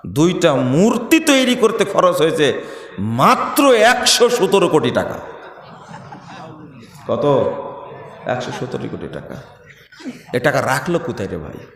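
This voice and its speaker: A man's voice: fairly high pitch, sing-song, a little slow, pauses often, fairly bright tone. A man with a Bangladeshi Bengali accent preaching a sermon to a gathering, fiery and scornful, firing rhetorical questions. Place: large hall with a gathering. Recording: echoey hall, long reverb.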